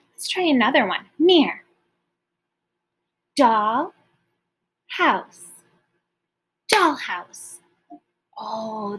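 A woman teacher leading a young class in a warm-up, speaking in a sing-song, encouraging way. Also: high-pitched, poor audio. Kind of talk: early-grade classroom lesson.

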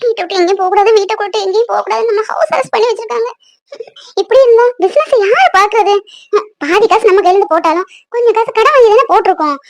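A woman's voice: very high voice, quick pace, creaky. A woman voicing a restless young pregnant woman in a cartoon, grumbling to herself. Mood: fretful.

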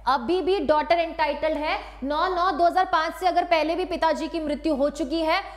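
A woman teaching a revision class on law online. She mixes in English legal terms and keeps asking her students quick check questions. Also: extremely high pitch.

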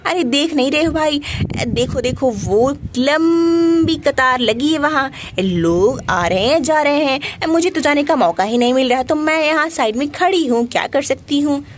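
A woman's voice: sits high, expressive, unhurried, few pauses, a little hiss or hum. Toni, a woman doing a chatty complaining bird. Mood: exasperated. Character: chatty female bird stuck in traffic.

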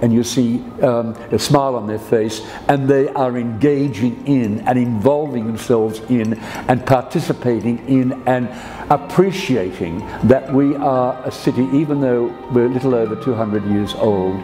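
A man in his seventies with an Australian accent reflects in interview style. He has a town crier's theatrical, ornate delivery in a warm, mellow, mid-pitched voice. Music plays behind him. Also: moderate pace, big-room sound. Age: 70s. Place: panelled indoor sitting room, seated.

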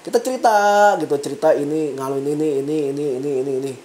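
A woman vlogger telling a story in a casual, slangy monologue, dropping to low asides and rising into emphatic bursts. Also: expressive, rapid-fire, warm tone. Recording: echoey room.

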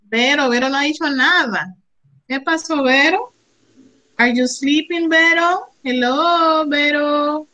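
A woman with a Panamanian Spanish accent teaches English in an online class, coaching, encouraging and praising her students as she switches between Spanish and English. Her high voice is pushed and bright, her pace slow, and the audio poor.

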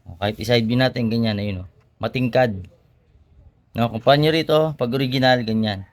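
A man hosting his own channel, showing motorcycle parts in a casual how-to demonstration with frequent tag questions and pauses. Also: medium pitch. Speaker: motorcycle mechanic and channel host.

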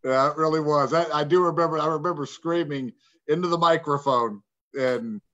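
A man with a slightly higher voice on muffled video-call audio, chatting casually. He stammers and restarts his sentences and laughs easily as he talks with his broadcast partner. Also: moderate pace, a bit bright.

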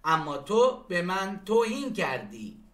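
A man teaches German phrases, saying each German sentence slowly before explaining it. His voice is high and bright. The room around him is echoey. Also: sing-song. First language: Persian. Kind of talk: language lesson.

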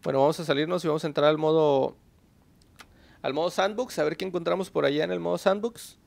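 A man's voice: on the high side, steady tone, fast talker, gravelly, a little mellow, no echo. A man chatting casually to viewers while playing a game, talking to himself and to creatures on screen. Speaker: gaming channel host. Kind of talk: casual gameplay commentary.

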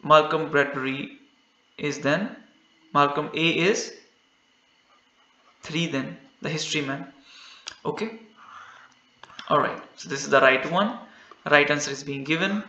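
Echoey teacher, going over exam answers. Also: male voice, on the high side, extremely slow, pauses often, pushed and bright, highs cut off. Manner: mixes Hindi and English, repeats answers aloud. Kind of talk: lecture walking through exam answers.

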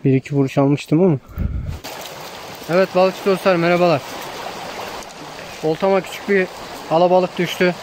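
A man narrating his fishing trip outdoors on a stream bank in a calm, casual way, giving tips to viewers while filming first-person. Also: high voice, normal speed, long pauses, noisy background. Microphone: handheld camera filming first-person.

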